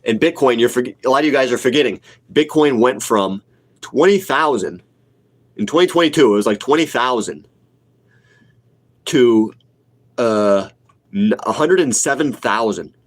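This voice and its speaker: Animated yet at normal speed, with long pauses, a medium-pitched retail investor of about forty fields viewer comments on a casual livestream. He's sick with a cold and sniffling, speaks bluntly and opinionatedly, and repeats himself to make his points land.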